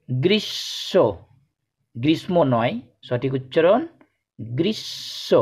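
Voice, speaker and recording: A man teaching a pronunciation lesson, who speaks slowly and deliberately and repeats each example word as a drill. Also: on the high side, vocal fry, a little mellow. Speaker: Bengali teacher. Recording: dull lo-fi recording.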